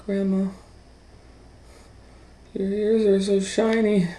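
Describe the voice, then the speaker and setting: A man's voice: high voice, flat delivery, slow pace, dark tone, slight background noise, voice pushed up. A man voicing a frightened, polite little girl in a children's storybook, exclaiming anxiously. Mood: alarmed wonder. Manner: exclaiming, wide-eyed and anxious. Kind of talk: children's storybook read-aloud.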